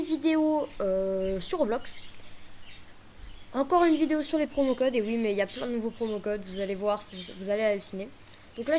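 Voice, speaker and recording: A woman with a fairly high voice talks her way through a game tutorial, chatty and a little scattered. She trips over fillers and restarts her sentences often. A faint hiss of noise sits under the recording. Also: a little mellow. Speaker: gaming video creator.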